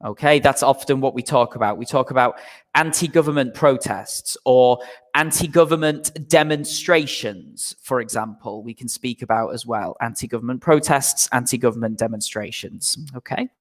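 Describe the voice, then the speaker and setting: A medium-pitched male voice trails off into a long reverb tail. He is teaching English vocabulary to a live online class, patiently and slowly, checking in with "okay?" after nearly each point and repeating himself.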